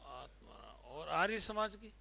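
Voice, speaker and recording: A man's voice: fairly high pitch, animated, measured pace, creaky, bright, forceful tone. A man with a Rajasthani Hindi accent teaching a Hindi exam-prep class, drilling words by repeating them and quizzing his students.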